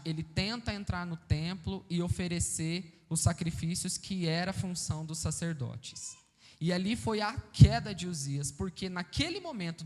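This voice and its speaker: Brazilian guy preaching a sermon, explains things and asks the room questions, lots of hall echo. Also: high-pitched. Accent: Brazilian Portuguese. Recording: reverberant church hall.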